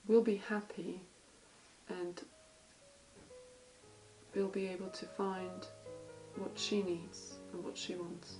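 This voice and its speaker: Creaky-voiced woman, halting interview speech, flat delivery, guitar underneath. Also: lowish voice, low-quality recording. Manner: hesitant, halting speech with many restarts. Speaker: parent carer. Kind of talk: interview testimony. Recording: guitar music playing behind.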